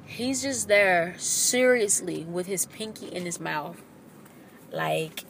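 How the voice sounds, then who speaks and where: Recorded in her car amid faint road noise, a vlogger talks her way through traffic with chatty, profane, animated storytelling. She speaks slowly in a lowish voice.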